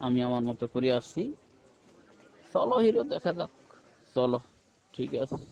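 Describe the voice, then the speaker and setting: Middle-aged man, rambling, pleading voice message, average-pitched voice. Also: huge pitch swings, normal speed, vocal fry, darkish tone, no room sound, highs cut off. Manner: rambling, pleading, repeats himself. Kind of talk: personal voice message.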